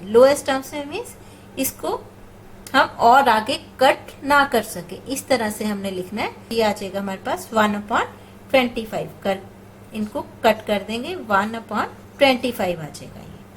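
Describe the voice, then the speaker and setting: A woman teaches math step by step in a classroom-style explanation, patiently asking questions and answering them herself, with number words woven into her speech. Her fairly high voice is animated and unhurried. The audio is poor, with slight background noise.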